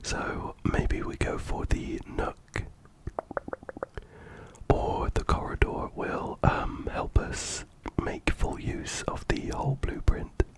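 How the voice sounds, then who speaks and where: Slow whispering man with a stuffy nose. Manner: slow, soft, close ear-to-ear whispering. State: stuffy nose from a cold, breathing through the mouth. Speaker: ASMR gaming channel host. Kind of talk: whispered ASMR gameplay commentary. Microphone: close binaural mic, ear to ear.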